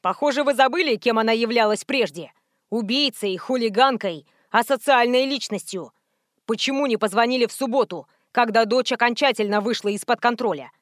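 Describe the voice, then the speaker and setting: A woman's voice: a little high, fairly quick, no echo, clean studio sound, natural voice. A woman voicing a stern, irritable male doctor who talks in a firm, lecturing way.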